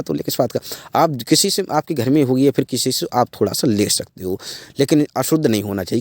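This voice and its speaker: A man's voice: on the low side, darkish tone, no echo, clean studio sound. A man explaining a ritual step by step to his viewers in a rambling way, repeating himself and leaning on filler phrases. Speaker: occult ritual channel host. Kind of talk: spoken ritual instructions to viewers.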